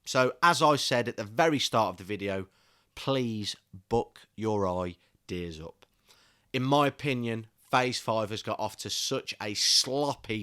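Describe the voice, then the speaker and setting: Young male film reviewer, lower pitch, passionate and irate. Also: a bit bright, clean tone. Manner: passionate, increasingly irate ranting. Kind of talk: casual solo video review.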